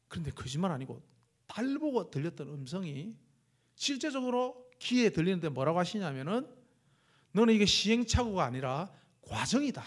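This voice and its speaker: A middle-aged man preaching a sermon in a church as a missionary, telling a lively story and acting out the words spoken in it. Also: sits high. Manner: lively storytelling, acts out his own and God's words. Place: church sanctuary.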